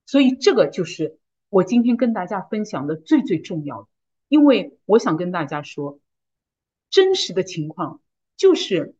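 Husky-voiced woman giving a testimony. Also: medium pitch, big pitch swings, moderate pace, darkish tone, lo-fi sound. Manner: earnest, builds to fervent declarations. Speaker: church member giving testimony.

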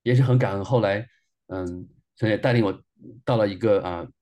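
A man's voice: on the low side, moderate pace, mellow, highs cut off. A man in his forties, a minister, sharing a personal testimony sermon in an earnest way and repeating phrases for emphasis.

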